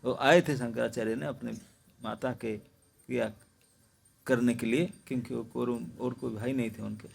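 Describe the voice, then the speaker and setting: A man preaching in a lively storytelling manner, who often puts questions to his listeners. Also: mid-range voice, normal speed, gravelly, husky. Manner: animated, asks the audience questions. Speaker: monk preacher. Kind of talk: storytelling sermon.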